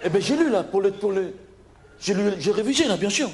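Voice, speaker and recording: A man's voice: high-pitched, animated, fairly quick, a little hiss or hum. A man playing a brash young candidate at an oral English exam, argumentative and stammering, on a live comedy stage. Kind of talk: stand-up character sketch. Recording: live stage show, loud laughing crowd. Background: audience laughter.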